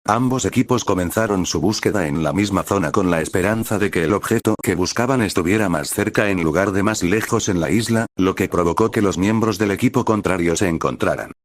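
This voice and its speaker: Low-voiced man reading a story. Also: brisk, few pauses. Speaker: narrator. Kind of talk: reading a fan story aloud.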